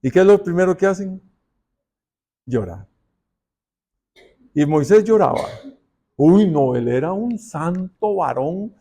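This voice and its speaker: Slow-preaching pastor. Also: male voice, high-pitched, animated, mellow. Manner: conversational preaching with rhetorical questions to the congregation. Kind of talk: sermon. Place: church.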